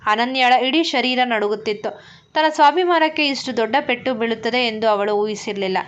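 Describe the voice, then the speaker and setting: A woman storyteller reading a dramatic story in a steady narrating voice. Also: on the high side, a little fast, lo-fi sound.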